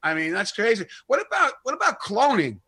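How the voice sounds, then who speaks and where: A man with a Brooklyn accent, a comedian co-host who rambles excitedly with lots of "I mean.". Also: high voice, brisk, husky. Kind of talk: casual interview chat.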